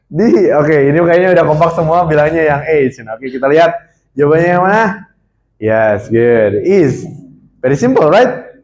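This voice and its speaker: A young man teaching a college seminar class on a handheld mic, lively and constantly quizzing his audience. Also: a little high, moderate pace. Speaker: seminar speaker. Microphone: handheld microphone.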